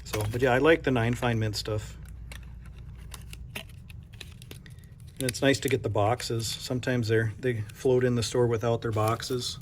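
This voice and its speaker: A man's voice: medium pitch, fairly even intonation, slow pace, long pauses, noisy background. A man from North Dakota who runs a coin shop, chatting casually and thinking aloud as he unboxes silver bars, with self-deprecating asides.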